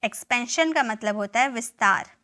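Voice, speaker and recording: A woman with a slightly high, pushed, bright voice teaches English spelling to viewers at a moderate pace, like a classroom lesson. She spells words letter by letter, repeats them, and often checks in, speaking directly to the learners.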